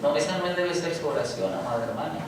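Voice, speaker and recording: A man's voice: on the high side, lively intonation, fast talker. A man preaching a sermon as pastor, asking the congregation rhetorical questions and speaking to them directly. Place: church sanctuary. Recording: echoey church, distant mic, background noise.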